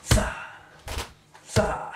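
This is a man from northern Mexico, a gaming YouTuber, yelling slangy trash talk at a VR boxing game as part of an excited let's-play, and he speaks very slowly. He plays in a room at home. The audio is echoey and faintly noisy, with him far from the mic.

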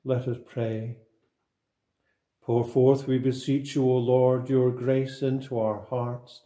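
A man leading a sequence of liturgical prayers in a slow, solemn, even recitation. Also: mid-range voice, echoey room. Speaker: prayer leader.

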